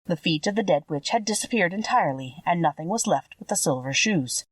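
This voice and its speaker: A woman narrates a storybook with highly varied, animated intonation at a middle pitch. She sits a little back from the microphone, in a dry space with no echo. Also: fairly quick, breathy edge, recorded from a distance. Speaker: audiobook reader. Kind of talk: expressive scripted storybook narration.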